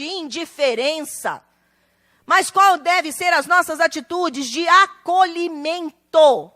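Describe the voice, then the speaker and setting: A woman's voice: high-pitched, fairly bright tone. A woman pastor preaching a sermon in church, emphatic and acting out the voices of family members.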